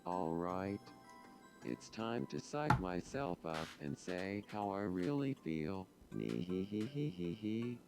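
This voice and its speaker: A synthetic-sounding man's voice playing a lovestruck, dim-witted cartoon game character, earnest and creaky. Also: deep voice, big pitch swings, takes it slowly, over music, heavily acted. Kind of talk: game character text read aloud.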